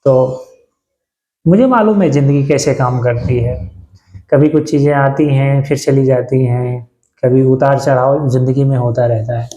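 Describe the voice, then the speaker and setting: A man in his thirties chatting reflectively to camera in a halting way, pausing and restarting often. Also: medium pitch, warm tone, reverberant. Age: 30s. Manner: halting, with many pauses and restarts. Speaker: vlogger. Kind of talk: casual reflective talk to camera.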